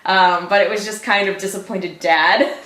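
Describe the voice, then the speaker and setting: A bright, lively woman chats as co-host of a reaction show, her pitch swinging widely as she laughs often. An echoey room surrounds her voice. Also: a little slow. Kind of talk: casual chat.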